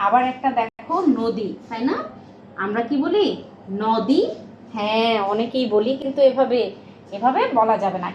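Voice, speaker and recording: A woman's voice: high voice, a little mellow. A woman teaching a children's recitation and pronunciation class, patient and coaxing, often stopping to check that the children follow. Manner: patient, coaxing, asks many check questions. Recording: roomy, dull, faint hiss.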